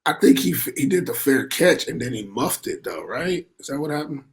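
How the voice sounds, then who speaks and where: A man hosting a sports podcast, hoarse and straining because he has lost his voice. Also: mid-range voice, animated, a little fast. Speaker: podcast host.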